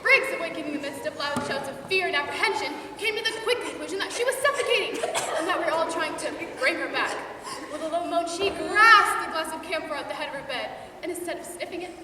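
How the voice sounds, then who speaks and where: A young woman narrating a readers' theatre with lively storytelling. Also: very high-pitched, fast talker, a crowd in the background. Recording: echoey hall, far off, noisy.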